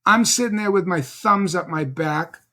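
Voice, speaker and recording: A man in his fifties with a notably high voice tells a story in a casual conversation. He tells it with animation, slipping into the voices of the people he quotes. He speaks as a guest with a coaching background. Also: moderate pace. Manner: animated anecdote-telling, mimicking voices in quotes. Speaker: guest real estate coach.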